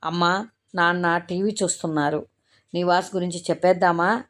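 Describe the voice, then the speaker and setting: A woman's voice: lowish voice, steady tone, normal speed, fairly bright tone, lightly acted. A woman narrator voicing a scared, guilt-ridden young woman who talks timidly and falters. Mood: anxious musing.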